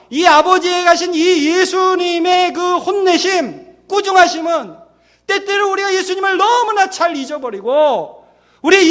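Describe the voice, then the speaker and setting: Male pastor, very high voice, chatty preaching style with acted-out voices and hushed emphasis. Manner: conversational, acts out biblical scenes in voices; drops to near-whispers for emphasis. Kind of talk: sermon.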